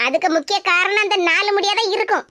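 A woman voicing a sharp-tongued old village grandmother in a cartoon, scolding in a Tirunelveli Tamil accent. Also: extremely high pitch, quick pace, no room sound, clean studio sound. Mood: scheming. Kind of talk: cartoon voice acting.

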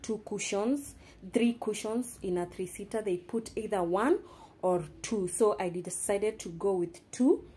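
A young Kenyan woman vlogs a casual tour of her small studio apartment, filming on a handheld phone while staying off screen. Her medium-pitched voice is mellow and full of fillers, with slight background noise in the recording.

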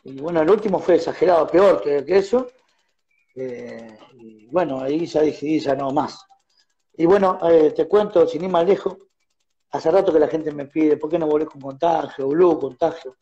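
An animated Argentine man tells stories in a casual radio interview. He acts out quarrels as he goes, in a slightly high voice on muffled, lo-fi studio audio. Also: moderate pace. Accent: Argentine Spanish. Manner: animated storyteller acting out phone quarrels. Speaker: musician guest.

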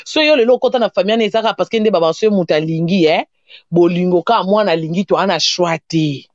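A woman's voice: lowish voice, fast, dry recording. A woman commentator who lectures and scolds in a casual online talk. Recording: dull muffled recording.

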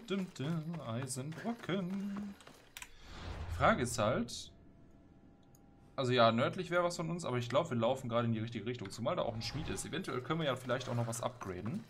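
Male let's player, medium pitch, playful self-talk and slang, noticeable game noise behind. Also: fairly bright tone. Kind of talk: casual gameplay commentary. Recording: clear background game noise. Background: game ambience.

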